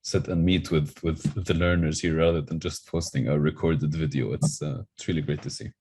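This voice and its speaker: A man's voice: a bass voice, fairly even intonation, fairly quick, darkish tone, slight background noise. A young man from Lebanon, a junior doctor, politely introducing himself on a video call. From UAE and Lebanon. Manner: polite, grateful.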